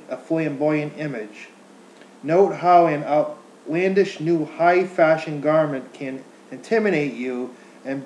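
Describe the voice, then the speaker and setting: Man, somewhat high-pitched, diction exercise read aloud, deliberate enunciation, occasional stumbles, very roomy echo. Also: darkish tone. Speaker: acting student reading aloud. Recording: echoey untreated room.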